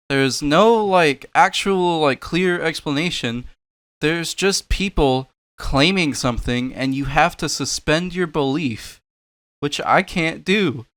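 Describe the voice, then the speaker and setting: A young man delivers scoffing, profane commentary on online clips. His voice is smooth and clear, recorded close and dry with no room sound. He mocks and laughs at what he sees. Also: a little high, slow pace, a bit bright, dry recording. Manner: mocking, swears a lot, laughs at clips. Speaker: commentary creator reacting to videos. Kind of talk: sarcastic reaction commentary.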